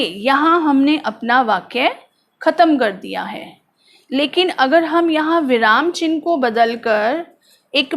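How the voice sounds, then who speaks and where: A high-pitched woman teaching a grammar class at an unhurried pace. She spells out each example sentence slowly and deliberately, pausing as she explains. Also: a bit bright. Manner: slow, deliberate, reads example sentences aloud. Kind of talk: Hindi grammar lesson.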